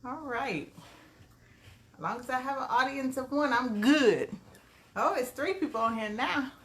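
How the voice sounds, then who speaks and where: A woman's voice: high-pitched, a little slow, fairly bright tone, reverberant. A woman life coach giving a casual live-streamed motivational talk, greeting viewers by name as she goes.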